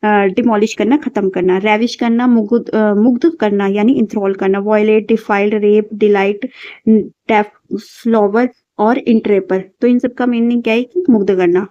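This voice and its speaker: A woman teaching vocabulary for exam prep, reading synonym lists aloud with halting restarts. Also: mid-range voice, steady tone, dark tone, no room sound. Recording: dull lo-fi sound.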